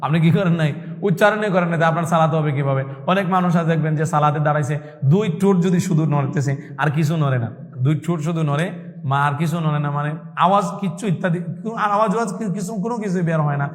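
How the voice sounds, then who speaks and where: A male Islamic teacher delivers a religious lesson in a somewhat high voice, posing questions and answering them himself. He repeats key points and chants Arabic verses. A long reverb trails behind his voice. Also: quick pace. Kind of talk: religious lesson in call-and-response.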